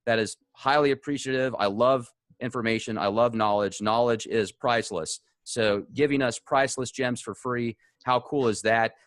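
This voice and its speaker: A man's voice: medium pitch, moderate pace, no room sound. A male interview host with a mid-range voice and a chatty, easygoing way of talking. His voice sounds dry and close. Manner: chatty, loose, laughs now and then. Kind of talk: casual interview chat.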